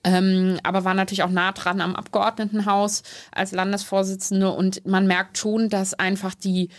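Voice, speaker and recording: A young woman speaks at an ordinary mid pitch as an interview guest. She sounds earnest and thoughtful and hesitates often on filler sounds. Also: level tone, normal speed. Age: young adult. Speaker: member of parliament, guest. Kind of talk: casual interview answers.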